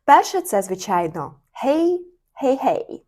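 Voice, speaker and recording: A young adult woman teaching Swedish in an online lesson. She speaks clearly and slows down to repeat each phrase for learners. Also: sits high, very animated, a little mellow.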